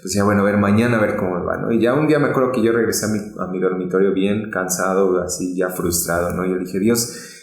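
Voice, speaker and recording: A young man from Mexico with a low voice, recounting his story in a relaxed, chatty way. He tacks "¿no?" onto nearly every phrase. The recording has a strong room echo. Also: fast talker, few pauses. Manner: tag question "¿no?" after nearly every phrase. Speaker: podcast guest. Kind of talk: casual testimony. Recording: very echoey room.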